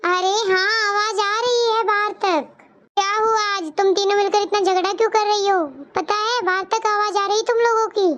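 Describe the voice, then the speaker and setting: A nosy older neighbour aunt from a cartoon story, voiced by a woman, drawling slowly as she pries. Her voice sits very high. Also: steady tone, a bit bright, dull audio. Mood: prying.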